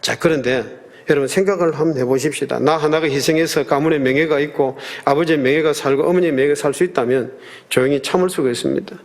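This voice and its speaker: A man's voice: fairly high pitch, fast. A man preaching a sermon as pastor, telling a story earnestly and emphatically, with acted-out quotes. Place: church sanctuary.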